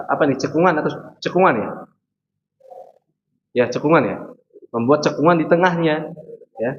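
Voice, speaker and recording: A man teaching Quran pronunciation in a mosque class, patiently repeating letter sounds for students to copy. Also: mid-range voice. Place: mosque hall. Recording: dull lo-fi recording with faint noise.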